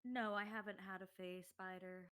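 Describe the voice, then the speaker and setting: Female tabletop player, bright voice at middle pitch, casual and halting delivery. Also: little pitch movement. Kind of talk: casual role-play chat.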